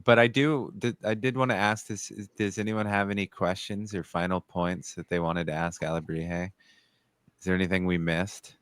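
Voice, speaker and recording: A man with a very low, deep voice chats on a podcast, musing in a dry, wry way. The sound is close and dead, with no echo. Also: level tone, moderate pace, fairly bright tone, clear, resonant tone. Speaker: podcast co-host. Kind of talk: casual chat.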